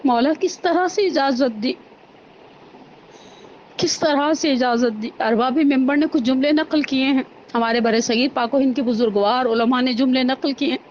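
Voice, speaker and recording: A high-pitched woman preaches a mourning sermon with passionate, lamenting intensity. Her voice climbs toward anguished cries as she recites. The recording sounds slightly dull, with faint noise underneath. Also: darkish tone. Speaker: zakira (religious mourning orator). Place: women's mourning gathering.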